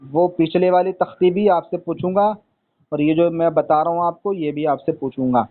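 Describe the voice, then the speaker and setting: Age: adult. Sex: man. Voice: high. Role: patient teacher. Sound: tinny phone-line recording. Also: fairly even intonation, normal speed. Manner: patient, repeats points, calls the student son. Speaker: Arabic reading teacher. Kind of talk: one-on-one lesson.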